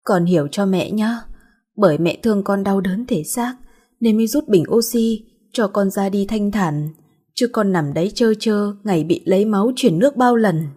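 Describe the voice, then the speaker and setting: A woman's voice: medium pitch, moderate pace, warm tone, breathy edge, close to an everyday voice. A woman voicing a terrified, guilty middle-aged mother who begs through tears and stammers. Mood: tearful pleading. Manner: stammering, crying, begging.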